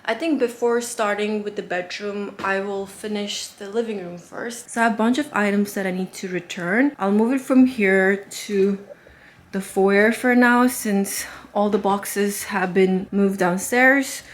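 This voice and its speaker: A woman's voice: mid-range voice, measured pace. Chatty woman. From Nepal. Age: 30s. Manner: relaxed, chatty, thinking aloud. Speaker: vlogger. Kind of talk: casual vlog narration. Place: apartment, indoors. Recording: roomy apartment echo.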